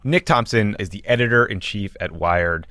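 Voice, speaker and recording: A man hosting a podcast, chatting casually with a guest and then signing off the episode in a relaxed way. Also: fairly low pitch, normal speed, dry recording. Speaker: podcast host.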